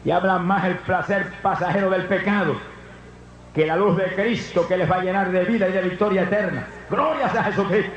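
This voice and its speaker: A man with a high voice preaches a fervent revival sermon, often breaking into exclamations of praise. He is recorded in an echoey church hall. The sound is dull and lo-fi. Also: fairly even intonation, a little fast.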